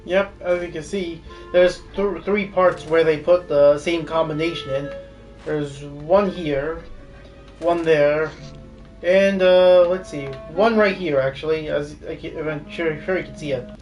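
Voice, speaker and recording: A man's voice: fairly high pitch, a little slow, a little mellow, muffled recording, faint music behind. A man streaming a game live, talking casually in a rambling way with lots of fillers. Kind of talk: live gameplay commentary. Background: game audio.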